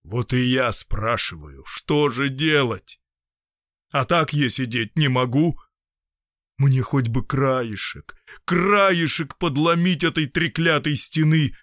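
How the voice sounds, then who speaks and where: A man playing a gruff, anguished middle-aged male doctor who talks in despairing, emphatic bursts. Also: mid-range voice, takes it slowly, a bit bright, no room sound, clean studio sound.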